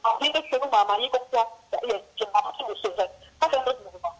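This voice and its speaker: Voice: mid-range voice, animated, very fast. A caller rambling through a long story over the phone, full of restarts. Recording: muffled phone call recording.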